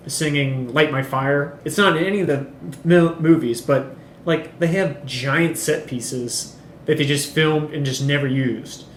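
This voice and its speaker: A man co-hosting a podcast, chatting casually and rambling, with frequent ums and swearing. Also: a little high. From Chile. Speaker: podcast co-host. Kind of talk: casual chat. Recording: echoey room, faint noise.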